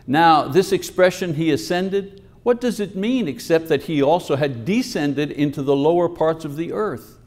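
An older man preaches from a church lectern, explaining and reading scripture in an earnest teaching manner into a podium microphone. His voice is a little high with a darkish tone.

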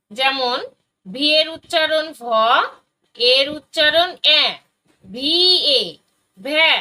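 A woman teaching a phonics lesson for young children, spelling out letters and sounds one by one with patient, deliberate delivery. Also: high voice, pushed and bright, poor audio.

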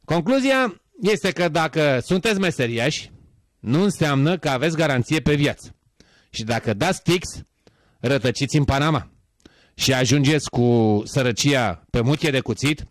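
A man's voice: fairly high pitch, dry recording. A male comedy host telling jokes and bantering straight at the audience. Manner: bantering, addresses the audience directly. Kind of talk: stand-up joke telling.

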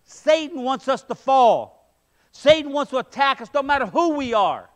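Pastor guy preaching in a church, really high voice for a man, punchy and emphatic, lots of rhetorical questions. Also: expressive, normal speed. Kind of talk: sermon. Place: church sanctuary, medium-sized, indoors. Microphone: headset mic.

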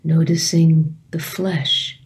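Leading a guided meditation, a woman teacher speaks in a low voice, calm and gentle, offering short phrases with long pauses in between.

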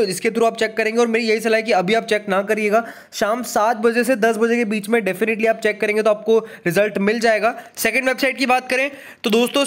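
A man's voice: high voice, fairly bright tone. A man hosting a finance channel, talking viewers through a screen-recorded tutorial and mixing English terms into his explanations. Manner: fast, repetitive explainer, many English terms. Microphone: voice-over on screen recording.

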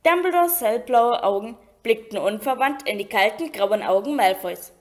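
Woman narrating an audiobook, higher voice. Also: animated, moderate pace. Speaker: audiobook reader. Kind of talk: scripted narration.

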